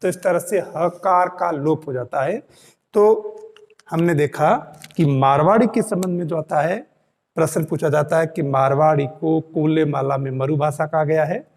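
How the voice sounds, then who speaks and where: A man teaching an exam-prep lesson, speaking slowly and repeating key points for students. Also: on the high side, darkish tone, in a large hall. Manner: slow, repeats key points, "dhyan dena" reminders.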